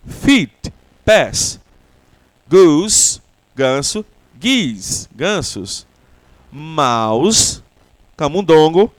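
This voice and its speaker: A Brazilian man with a Brazilian Portuguese accent, teaching an English lesson at an unhurried pace. His pitch sits a little high and swings widely as he stresses each example word. The sound is dry and close. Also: no echo. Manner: slow, deliberate explanation with repeated example words. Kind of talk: language lesson.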